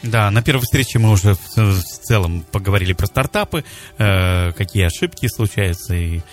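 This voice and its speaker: A man with a lowish voice presents a live morning radio show. He speaks as a host on air, greeting and addressing his listeners over the radio, with music underneath. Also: lively intonation, normal speed. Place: radio studio.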